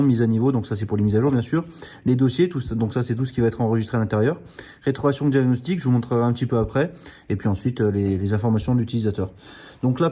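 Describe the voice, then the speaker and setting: A man's voice: mid-range voice, dark tone. A man hosting a car channel, giving a hands-on product demonstration in an explanatory way, often hesitating with fillers and restarting words. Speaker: car channel host reviewing a diagnostic tool.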